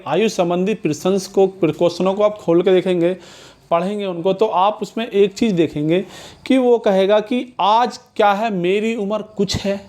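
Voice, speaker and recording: A man's voice: high-pitched, a little mellow. A man teaching an exam-prep math lesson, often asking the class a question and then answering it himself. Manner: repeats questions back to the students; checks understanding with "ठीक है" and "समझ में आया".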